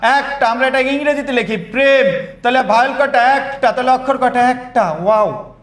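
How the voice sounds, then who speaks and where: High-voiced energetic teacher. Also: male voice, normal speed, echoey room. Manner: energetic, quizzes students with repeated questions. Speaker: admission test teacher. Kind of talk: live online class.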